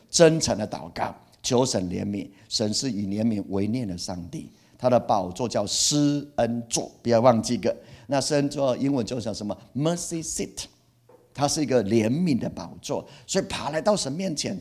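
A middle-aged male pastor preaching in a mid-pitched voice. He is animated and expressive, repeating key phrases for emphasis and voicing feelings through exclamations. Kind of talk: sermon.

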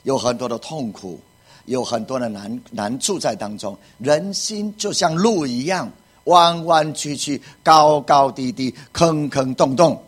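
Pastor, male, husky voice, emphatic sermon delivery with repetition. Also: mid-range voice, unhurried. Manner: emphatic preaching with repeated phrases and rhetorical questions.

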